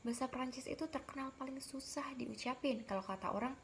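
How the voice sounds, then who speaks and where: A woman's voice: sits high, fast, gravelly, a little hiss or hum. A young woman presenting a course assignment, explaining a grading rubric in a chatty, slangy, upbeat way. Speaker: graduate student presenting an assignment. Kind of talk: casual explanatory lesson.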